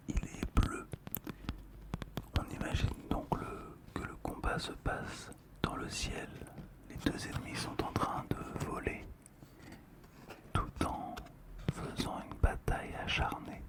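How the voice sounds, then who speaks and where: An ASMR creator whispers softly and slowly into a close stereo microphone, pausing now and then while describing a collectible card.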